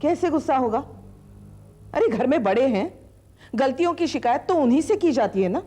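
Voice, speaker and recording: A woman's voice: sits high, animated, moderate pace, dark tone. A stern old grandmother. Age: older. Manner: firm, scolding, motherly. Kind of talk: TV serial acting. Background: background music score.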